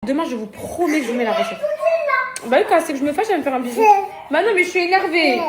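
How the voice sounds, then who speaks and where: A woman vlogging casually on her phone at home, chatty and excitable, talking straight to her followers and laughing often. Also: high voice, very fast, very noisy. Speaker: lifestyle vlogger. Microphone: phone held at arm's length.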